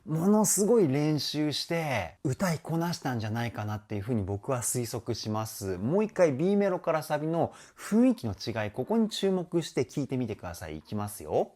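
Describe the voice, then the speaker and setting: A man's voice: mid-range voice, big pitch swings, moderate pace, few pauses, a little mellow. A man working as a vocal coach, explaining a song's technique with eager, frequent praise. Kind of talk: song analysis commentary.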